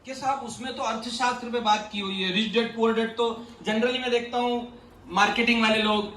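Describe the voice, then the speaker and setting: A man with a very high voice gives a lively motivational talk and cracks jokes at his listeners. He is heard from a distance in a very echoey hall with faint noise behind him. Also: brisk. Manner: joking, asks the audience questions. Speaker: speaker at a youth leadership session. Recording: roomy echoey hall from far off.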